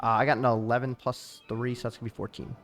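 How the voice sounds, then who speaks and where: A man playing a tabletop game in casual chat, excitable and laughing often. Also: mid-range voice, fast talker, faint music behind. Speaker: player.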